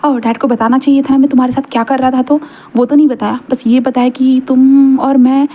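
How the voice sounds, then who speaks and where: A woman's voice: sits high, level tone, fairly quick, dark tone. A woman voicing a defiant, teasing young man.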